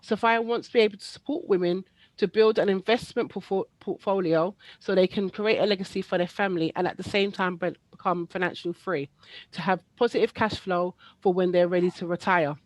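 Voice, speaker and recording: A woman's voice: lowish voice, steady tone, a little fast, no room sound, low-quality recording. A woman moderating an online webinar, chatty with frequent ums. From East London. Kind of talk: casual online presentation hosting. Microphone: video call.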